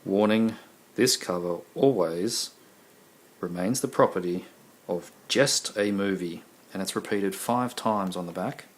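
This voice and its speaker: Deep-voiced and a little slow, a man presents his video collection in an offhand show-and-tell. He keeps losing his voice and rambling, filling gaps with ums and uhs, all captured in a noisy recording at home.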